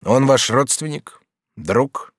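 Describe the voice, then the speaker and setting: A man's voice: mid-range voice, lively intonation, takes it slowly, no room sound, studio quality. A man reading an audiobook voices a kindly, easily moved middle-aged prince regent, exclaiming and questioning with raised emotion. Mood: earnest. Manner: exclaiming, warm and agitated.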